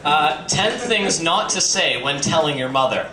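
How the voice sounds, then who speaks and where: With a slightly high voice, lively intonation and a measured pace, a comedy-night reader gives a theatrical, campy live reading peppered with joking asides. He's in front of an audience at a bistro, recorded via a roomy, distant, noisy live stream.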